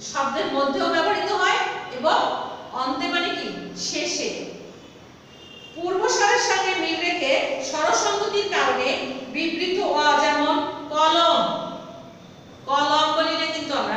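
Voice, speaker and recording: A woman teacher giving a grammar lesson, repeating words slowly and putting questions to her listeners. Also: very high-pitched, pushed and bright. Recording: echoey room from far off with faint noise.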